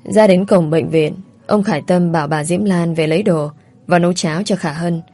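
A woman narrates a family story in a calm, even way. Her voice sits low and mellow, and soft music plays faintly behind her. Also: normal speed. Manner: calm, even storytelling, voicing the characters' quotes lightly. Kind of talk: scripted narration of a family drama.

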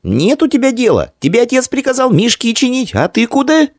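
A man puts on a small village girl's voice, pitched very high and sharp with indignation. She scolds and questions in short outbursts. It is an audiobook voice in a close, dry recording. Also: very animated, fairly quick, dry recording, full character voice. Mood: scolding. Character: small cross village girl.

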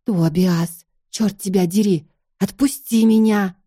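A woman's voice: medium pitch, steady tone, slow pace, dark tone, no room sound, clean studio sound. A woman voicing a feisty, exasperated young heroine in an audiobook, protesting indignantly. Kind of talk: audiobook first-person dialogue.

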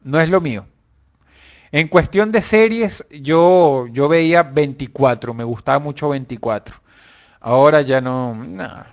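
A man hosting a casual live chat with viewers, animated and profane, breaking into shouts. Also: fairly high pitch, a little slow, highs cut off. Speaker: online show host.

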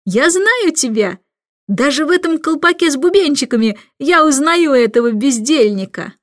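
Brief: high-pitched, eager old professor, storybook, drawn-out questions, dry sound, read by a woman. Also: lively intonation, dry recording.

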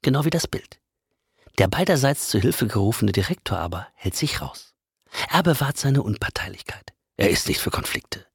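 Brief: male audiobook narrator, expressive and animated, husky gravelly tone, dry close mic. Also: medium pitch, normal speed, no room sound. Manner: expressive, shifts between loud and whispered. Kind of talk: dramatic audiobook reading.

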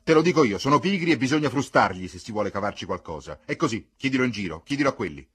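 Give me a man doing a loud brutish bully in an audiobook. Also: mid-range voice, very animated, quick pace, breathy edge, pitched above the performer's own voice. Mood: sneering. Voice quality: loud shouting, sneering.

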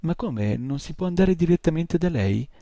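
A man's voice: a little high, lively intonation, moderate pace, warm tone, no room sound, voice pushed up. A man voicing a whiny, stammering little nightmare imp. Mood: whimpering dismay. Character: small whimpering male nightmare imp.

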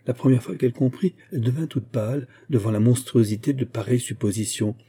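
Man reading a classic novel aloud, very dark mellow voice, a bit husky, low-ish. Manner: measured, literary. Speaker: audiobook narrator. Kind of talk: scripted narration of a classic novel.

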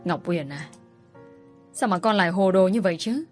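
A distraught mother wails and scolds, as a woman reader puts her on. Her voice is lowish and stays near the narrator's own. Soft music plays underneath. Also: lively intonation, moderate pace. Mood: distraught scolding. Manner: wailing reproach.

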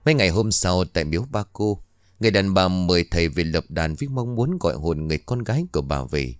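A man narrating a scripted ghost story in a calm, measured way. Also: low-pitched, no room sound, studio quality.

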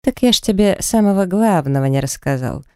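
A man's voice: sits high, expressive, a little fast, clean tone, dry recording, clean studio sound, pitched above the performer's own voice. A man voicing a cruel male kidnapper who taunts in a mocking, sing-song way. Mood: gloating.

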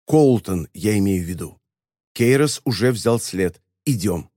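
A man reading an audiobook, voicing a fierce, steely older woman who speaks low, slow and firm. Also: animated, warm tone, no echo, clean studio sound. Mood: hushed.

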